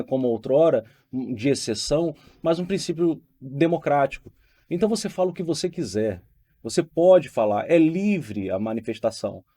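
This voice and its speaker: A man's voice: on the high side, dark tone. A Brazilian man, a law teacher for exam candidates, giving an emphatic motivational talk with personal stories and repeated phrases. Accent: Brazilian Portuguese.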